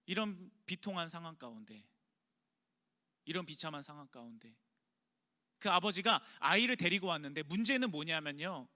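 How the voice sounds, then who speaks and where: A man's voice: on the high side, expressive, normal speed, long pauses, sharp tone. A male pastor preaching a sermon, telling the story dramatically and asking the congregation questions.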